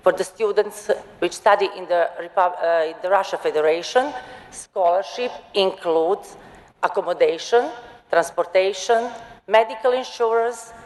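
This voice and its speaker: A woman at a panel session, speaking slowly and carefully in a mid-pitched voice. Her words ring out with a long reverb from a large conference hall. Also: darkish tone. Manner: slow, deliberate delivery with non-native grammar. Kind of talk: conference presentation.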